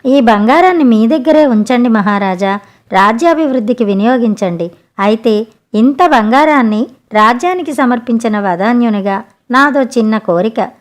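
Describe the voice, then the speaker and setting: Calm, cunning royal guru for a bedtime storybook, read by a woman narrator in a slightly raised register. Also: on the high side, moderate pace, natural voice. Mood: composed.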